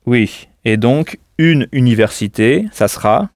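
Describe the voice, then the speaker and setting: A man teaching a scripted audio language lesson, explaining clearly and patiently and pausing for answers. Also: medium pitch, a little mellow, no room sound, studio quality.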